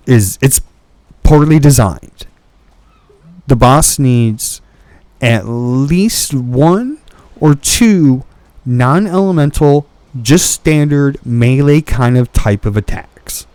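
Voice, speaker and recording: Young male gaming host, unhurried, annoyed, profane commentary over a dry close mic. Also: mid-range voice, expressive, a little mellow, dry recording. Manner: frustrated, repetitive restarts, swears often. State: hiccups. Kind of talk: ranting game commentary.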